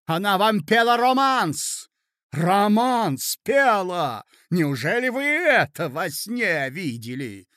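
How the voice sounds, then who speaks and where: A man's voice: high voice, sing-song, takes it slowly, dry recording, clean studio sound, voice pushed up, exaggerated voice. A man playing a shrieking, domineering matron. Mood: exasperated. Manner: loud, shrieking outbursts. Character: furious scheming middle-aged woman, domineering.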